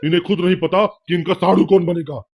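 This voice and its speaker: A man's voice: high-pitched, fairly even intonation, brisk, a little mellow, a little hiss or hum. A man voicing a sly cheeky young villager. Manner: sly, offhand boasting. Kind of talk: cartoon comedy voice acting.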